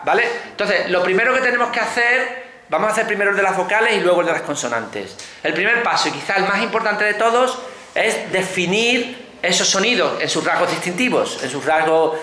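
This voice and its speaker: A man's voice: high voice, bright, forceful tone. A man with an Andalusian Spanish accent teaching phonology in a classroom, explaining and often asking the students whether they follow. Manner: explanatory, checks understanding with frequent questions. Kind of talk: classroom lecture. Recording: echoey classroom with faint noise.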